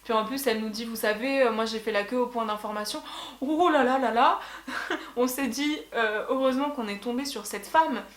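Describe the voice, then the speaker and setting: A French-native young woman who makes vlogs talks about her travels in a casual conversation, speaking at an ordinary pace in a slightly high voice. Her delivery is chatty, peppered with fillers and restarts, and the recording has an echoey room.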